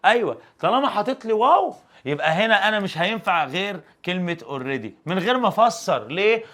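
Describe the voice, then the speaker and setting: A young man with an Egyptian Arabic accent and a high voice teaches an exam review. He keeps it animated and joking, firing rhetorical questions at his students. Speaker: English teacher.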